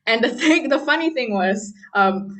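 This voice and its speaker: A woman's voice: a little high, animated, normal speed, a bit bright. A young woman from Malaysia, a pianist, chatting casually in an interview with plenty of fillers and laughs. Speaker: guest pianist.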